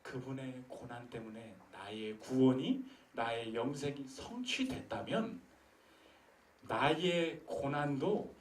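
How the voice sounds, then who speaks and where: A man preaching a sermon, swinging from loud urgent questions to hushed, intimate tones. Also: sits high, reverberant, distant mic. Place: church sanctuary.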